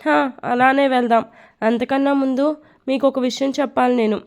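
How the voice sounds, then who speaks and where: A woman's voice: sits high, steady tone, normal speed. A woman storyteller voicing a nervous, bubbly young woman in love, in a lightly changed voice. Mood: flustered.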